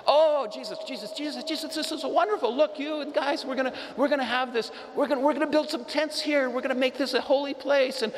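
A man's voice: very high-pitched, long reverb tail, a little hiss or hum, voice pushed up, low-quality recording. A man voicing an eager male apostle who gushes and stammers in a rush. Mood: excited. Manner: gushing, stammering, rushed.

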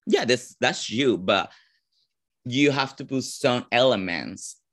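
A man from Venezuela with a Venezuelan Spanish accent, a drag performer answering interview questions casually, often pausing to search for words. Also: mid-range voice, expressive, fairly bright tone. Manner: searching for words, frequent "like" fillers.

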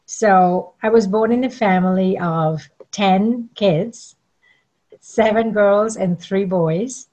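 Appearing as an interview guest, a middle-aged networking coach from Trinidad and Tobago relates her story in a conversational way. She takes it slowly, her medium-pitched voice mellow, though the audio quality is poor.

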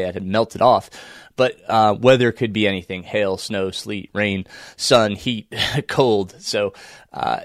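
An American man with a croaky, froggy voice, congested from a cold, talking casually and unhurriedly as he hosts a solo podcast. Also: on the low side, dry recording, studio quality. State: under the weather, congested. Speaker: podcast host and running coach.

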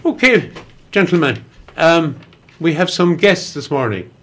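A man's voice: fairly high pitch, very animated, unhurried, fairly bright tone. A man hosting an informal local radio programme and chatting with guests. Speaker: radio presenter.

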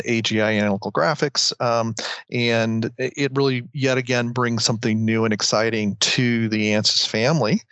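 An American man works as a podcast interviewer, recorded indoors with very little room sound. His pitch is in the middle range for a man. He talks in a casual, conversational style. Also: fairly bright tone, no echo. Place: indoors at home.

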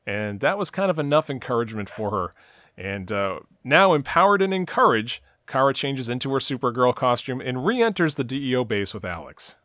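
A man in casual chat, walking through the plot of a TV episode at length. He fills his pauses with "uh" and "you know." His voice is close and dry, with no room sound around it. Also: mid-range voice, sing-song, pushed and bright, no echo. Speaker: podcast co-host recapping a TV episode.

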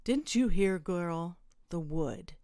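Lady doing a drunk grumpy mayor guy, bitter rant, goes up high and loud. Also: lively intonation, takes it slowly, dry recording, studio quality. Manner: ranting, disgusted, repeats himself. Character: drunk, bitter male small-town mayor.

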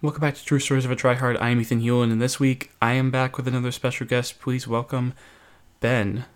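A man's voice: medium pitch, level tone, brisk, clear, resonant tone, soft background music. Man hosting a casual podcast. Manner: hesitant, many fillers. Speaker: podcast host.

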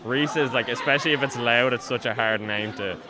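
A man's voice: medium pitch, brisk. A man, a guest chatting in a jokey, rambling way and leaning hard on filler words. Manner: jokey, rambling, heavy use of like. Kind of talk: casual chat. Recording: busy crowd behind.

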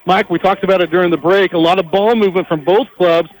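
A man calling college basketball on a headset mic, his voice set high and bright. He rattles through passes and dribbles at speed and jumps higher when a shot drops. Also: low-quality recording. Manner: rapid energetic calls, rising on big plays. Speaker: play-by-play announcer. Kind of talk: live basketball play-by-play.

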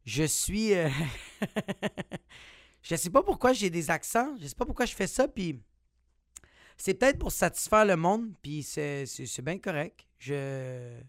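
A man's voice: fairly high pitch, slow, dry recording, studio quality. A young man with a Quebec French accent doing a playful, profanity-laced comic monologue on his podcast. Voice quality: swears a lot, animated and playful. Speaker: podcast host.

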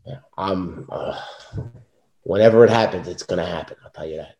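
Low-voiced Brooklyn tough guy, echoey room. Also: moderate pace, creaky, dark tone. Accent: Brooklyn New York. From South Brooklyn, New York, USA. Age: 30s. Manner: blunt, tough-talking, swearing. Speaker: professional wrestler, interview guest. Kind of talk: casual interview talk.

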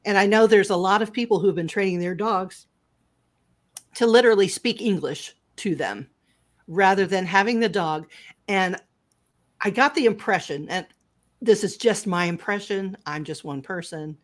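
A woman's voice: medium pitch, moderate pace. A woman chatting casually and giving her opinions, reflectively weighing both sides of her own argument.

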